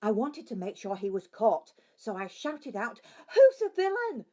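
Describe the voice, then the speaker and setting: A woman's voice: mid-range voice, lively intonation, normal speed, a little mellow, lightly acted. A woman playing a theatrical pantomime actress recounting events in an amateur courtroom audio drama. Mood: dramatic.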